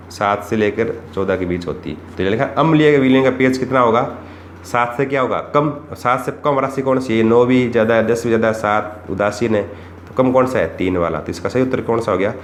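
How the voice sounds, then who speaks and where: A man teaching chemistry for exams, asking rhetorical questions and repeating the key points. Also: mid-range voice. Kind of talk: exam-prep lesson. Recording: echoey room with faint background noise.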